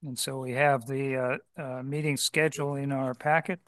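A man chairing a public board meeting, calling votes in a formal, procedural way with halting pauses. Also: mid-range voice, flat delivery, a bit bright, clear, resonant tone, no echo. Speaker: commission chair.

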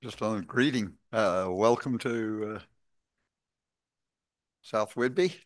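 A man serving as a board commissioner, speaking slowly and hesitantly in a cordial way. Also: fairly low pitch, no echo, studio quality.

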